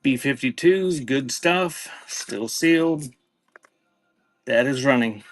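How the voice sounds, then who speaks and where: Hosting a live-stream sales auction, a man with a mid-pitched voice calls out each item in short, clipped phrases. Between lots he drifts into casual asides with viewers, sounding animated yet taking his time.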